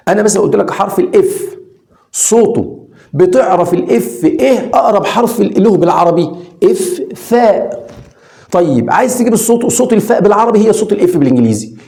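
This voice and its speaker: A male Egyptian Arabic speaker teaching English from scratch, with a mellow, gravelly tone. His pitch rises and falls a great deal as he poses questions and answers them himself. He repeats letter sounds slowly so learners can follow. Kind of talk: online lesson for beginners.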